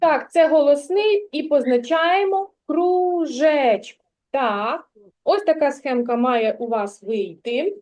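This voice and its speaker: A woman's voice: high-pitched, expressive, darkish tone. A woman teaching a preschool literacy lesson, speaking in a patient, sing-song way and drawing words out for a child. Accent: Ukrainian. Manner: drawn-out, sing-song word modelling for a child. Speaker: kindergarten teacher.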